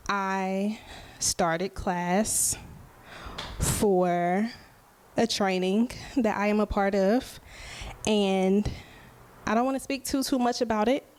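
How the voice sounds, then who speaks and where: A woman in her 20s who is a podcast host and musician speaks in a medium-pitched, a little mellow voice on her solo show. Her talk is slow, open and conversational, directed at her listeners, and she keeps asking "right?".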